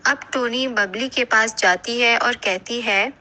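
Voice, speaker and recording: A woman narrating an animated moral story for children in a clear storytelling manner. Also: a little high, low-quality recording.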